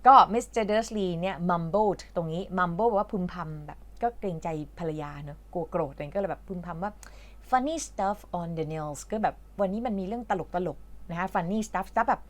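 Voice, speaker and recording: A woman's voice: medium pitch, moderate pace. A woman from Thailand who teaches English, patiently explaining a reading lesson in a chatty way with lots of fillers.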